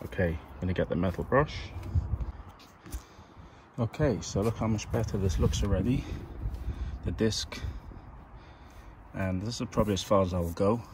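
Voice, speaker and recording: A man's voice: fairly low pitch, moderate pace, long pauses, background noise. A man casually talking viewers through repainting his car's brake calipers while he works. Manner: relaxed, chatty, talks while working. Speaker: car vlogger. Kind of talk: casual DIY vlog narration.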